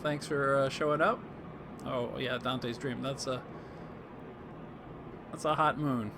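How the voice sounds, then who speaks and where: A man commenting on his live gameplay in a low-key way, thinking aloud and greeting chat, with a voice that is going hoarse. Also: steady tone, takes it slowly, noisy background. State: losing his voice. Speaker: game streamer.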